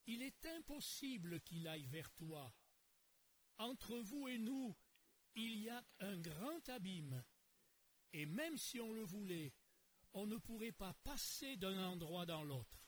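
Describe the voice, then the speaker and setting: A calm, firm old patriarch speaks in a solemn, admonishing tone, voiced by a man in a dramatized Bible story. The voice sits fairly high with lively rises and falls. He takes his time over every phrase. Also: takes it slowly, slight background noise, rough recording.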